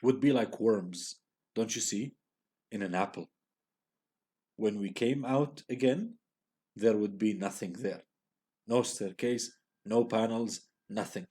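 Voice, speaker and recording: A man reading aloud the lines of a quiet, intense teenage boy, in a flat and brooding way. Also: on the low side, slow pace, pauses often, breathy edge.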